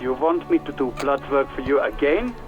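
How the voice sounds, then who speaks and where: A man's voice: medium pitch, animated, moderate pace, dull audio, over music, voice pushed up, natural voice. A man voicing a dismissive, sarcastic male medic speaking over a radio, mocking the listener in a dry tone.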